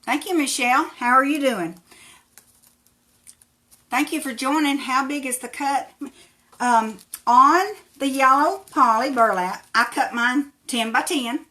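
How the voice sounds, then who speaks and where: Tennessee lady w appalachian hillbilly accent, bright voice, folksy craft live chat. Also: high-pitched, a little slow. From Tennessee, United States. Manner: folksy, chatty, thanks viewers by name. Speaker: craft tutorial livestream host. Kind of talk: casual live craft demonstration, greeting viewers.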